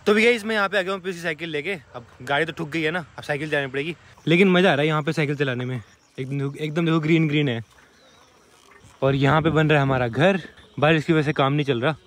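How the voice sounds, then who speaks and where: A man's voice: a little high, a bit bright. A young man chatting casually to his viewers in a vlog. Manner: quick, chatty, addresses viewers. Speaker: vlogger.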